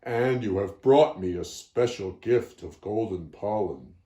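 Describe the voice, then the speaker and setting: A man voicing a scary, stern old male gila monster in a storybook tale, speaking slowly and solemnly. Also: fairly low pitch, lively intonation. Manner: slow, loud and solemn. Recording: roomy echo.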